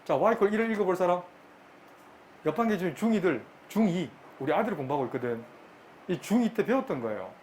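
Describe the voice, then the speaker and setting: A middle-aged male math teacher lectures in a classroom with a slightly raised pitch. He talks briskly, teases his students and repeats his questions to them. A faint room noise sits behind his voice. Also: expressive, a little mellow.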